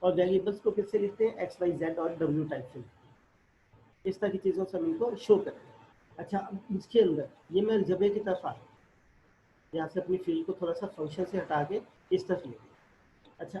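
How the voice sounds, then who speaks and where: High-voiced man teaching math. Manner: explains step by step, asks and answers his own questions. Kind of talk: classroom math lecture. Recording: echoey room, dull lo-fi audio, faint noise.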